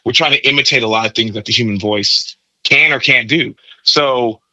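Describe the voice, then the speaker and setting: A man's voice: medium pitch, normal speed, pushed and bright, dry recording, lo-fi sound. A man who plays trumpet, explaining jazz tone and technique in a teacherly way on a podcast. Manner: explanatory, teacherly, repeats words for emphasis. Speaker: trumpet player guest. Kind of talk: podcast interview, explaining music.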